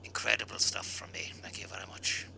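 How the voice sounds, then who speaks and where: A man putting on a gruff, boastful singer's voice, muttering low and half-whispering with swearing. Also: fairly quick, bright, forceful tone, a little hiss or hum. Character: gruff male lounge singer, mock-proud and boastful.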